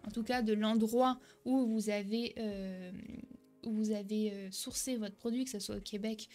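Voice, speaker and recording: A woman's voice: medium pitch, fairly even intonation, moderate pace, a little mellow. A young woman giving a direct-to-camera tutorial as an online selling coach, talking energetically with frequent "ok?" check-ins and a few hesitations and self-corrections.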